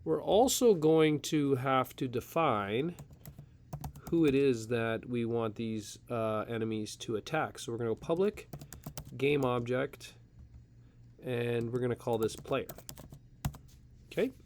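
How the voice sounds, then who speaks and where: Recording his screen for a casual coding tutorial, a man with a mild head cold relaxedly narrates each step, leaning on lots of fillers. His voice sits in the mid range, a bit slow, with long pauses and slight background noise.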